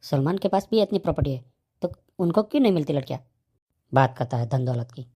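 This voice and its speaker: A woman's voice: low-pitched, animated, fast talker, warm tone, breathy edge. A woman voicing an aging unmarried man in a comedy cartoon who keeps pestering and defending himself about marriage. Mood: defensive. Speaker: cartoon character.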